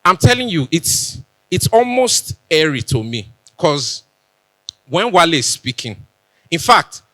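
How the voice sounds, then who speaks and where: A man's voice: fairly high pitch, very animated, unhurried, a bit bright, dry recording. A young Nigerian man with a Benin accent gives a chatty conference talk, joking and dropping into pidgin asides. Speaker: conference speaker. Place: conference stage.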